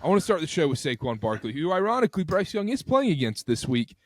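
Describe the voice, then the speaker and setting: A young man hosting a sports podcast with a slightly high voice that swings widely in pitch. He teases his co-hosts and keeps pulling them back on topic. The dry close mic has no echo. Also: big pitch swings, quick pace. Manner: teasing, steers the conversation. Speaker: podcast host. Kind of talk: casual sports podcast banter.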